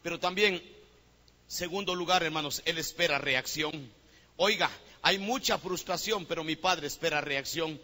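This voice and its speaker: A man with a Guatemalan Spanish accent preaching a sermon as pastor, telling stories with animation and breaking into loud exhortation. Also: fairly high pitch, moderate pace. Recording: long reverb of a church hall.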